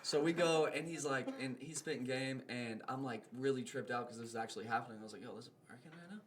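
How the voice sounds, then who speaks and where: A man's voice: mid-range voice, steady tone, fast, a little hiss or hum. A young man, a podcast guest, telling a story in casual, rambling talk full of filler words.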